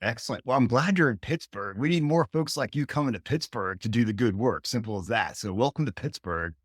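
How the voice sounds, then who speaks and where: A man's voice: mid-range voice, animated, fairly quick, slightly rough, no room sound, studio quality. A man hosting a radio talk show in an upbeat, chatty way.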